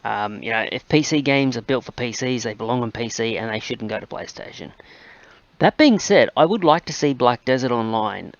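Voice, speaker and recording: A man's voice: medium pitch, a little fast, gravelly, hardly any pauses, no echo, highs cut off. Chatty man rambling over gameplay. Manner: rambling, chatty, with frequent fillers. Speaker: gaming channel host. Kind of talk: casual gameplay commentary.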